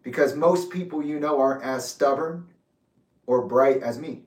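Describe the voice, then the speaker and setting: A man in his late twenties giving an intense, accusatory personal reflection, speaking deliberately. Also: medium pitch, a little mellow. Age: 20s. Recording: echoey room, distant mic.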